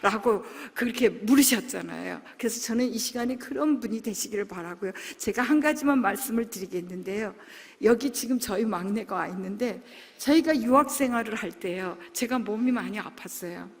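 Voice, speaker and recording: A middle-aged woman tells her story from the pulpit as a pastor's wife, with earnest, heartfelt storytelling. She drops into quiet asides and then rises to loud exclamations, at an ordinary pitch for a woman. Her voice rings with the long reverb of a large church hall. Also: brisk, slightly rough. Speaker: pastor's wife giving testimony. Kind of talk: emotional testimony sermon.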